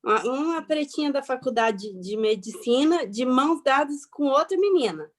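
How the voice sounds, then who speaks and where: Actress doing high pitched snooty matron lady, flustered and indignant, super hammy dramatic reading, keeps repeating herself. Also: animated, moderate pace. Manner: hammy, theatrical, emphatic with rambling repetitions. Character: indignant prejudiced middle-class matron, flustered, self-righteous. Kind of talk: dramatic reading, satirical monologue.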